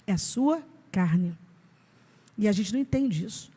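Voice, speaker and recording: A woman's voice: medium pitch, expressive, measured pace, mellow, breathy edge. A Brazilian woman pastor preaching a sermon in an emphatic, conversational way, asking rhetorical questions. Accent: Brazilian Portuguese. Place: church sanctuary. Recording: reverberant church hall.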